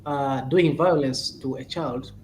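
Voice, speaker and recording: A man's voice: medium pitch, fairly even intonation, darkish tone, slight background noise, poor audio. A man, speaking as a child-protection advocate. He halts often on "uh", restarts his phrases, and urges parents and caregivers earnestly. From Uganda. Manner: halting and repetitive, with many "uh"s and restarts, urging earnestly.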